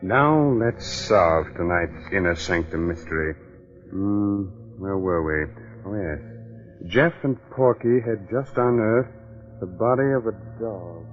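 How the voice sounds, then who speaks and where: Casting: teasing, mock-soothing mystery show host, deep register, old muffled radio sound. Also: male voice, expressive. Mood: sly teasing. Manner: mock-soothing, chuckling, deliberate. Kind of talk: 1940s radio acting. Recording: muffled 1940s radio broadcast, music behind.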